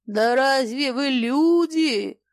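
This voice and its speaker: A woman's voice: medium pitch, sing-song, takes it slowly, dry recording, studio quality. A woman reading aloud and voicing a young merchant man who jeers and mocks. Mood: jeering.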